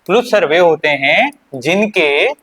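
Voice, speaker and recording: A man's voice: on the high side, lively intonation, a little slow, sharp tone. A male teacher giving an exam-prep grammar lesson who asks questions and answers them himself, repeating key points. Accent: Uttarakhand Hindi.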